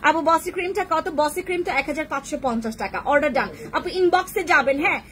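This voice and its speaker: A young Bangladeshi woman selling on a live stream, talking fast and repeating herself, dropping English words into her pitch. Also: fairly bright tone, rough recording. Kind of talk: fast casual sales pitch.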